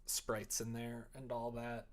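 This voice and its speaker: A livestream host coding a visual novel thinks aloud casually at the computer, muttering and letting thoughts trail off. The voice is medium-pitched, monotone and slow. The room is noisy, filled with keyboard typing and mouse clicks.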